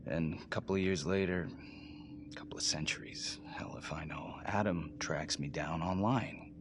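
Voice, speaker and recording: An actor playing a desperate male death-row inmate who swings between hushed whispers and sudden shouts, in a video game cutscene. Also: sits low, normal speed, background noise. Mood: confiding. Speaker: prisoner. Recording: game audio with loud background music.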